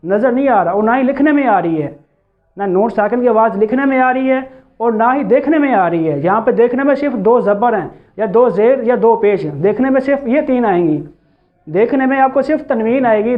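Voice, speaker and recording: A man teaching Quran recitation rules, explaining patiently and repeating himself, with slow drawn-out recited examples. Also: very high-pitched. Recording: tinny phone-like sound.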